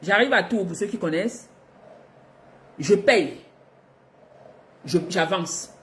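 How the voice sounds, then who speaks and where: A middle-aged woman from Africa, telling a personal story to her viewers in a lively, expressive way, laughing between lines. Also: mid-range voice, slow pace. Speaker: vlogger.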